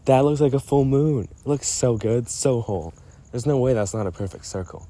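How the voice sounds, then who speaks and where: Talking into a voice memo meant for a friend, this storyteller rambles casually, teasing himself playfully, interrupting himself and wandering off topic. His mid-range voice has a dark tone and moves at a normal speed.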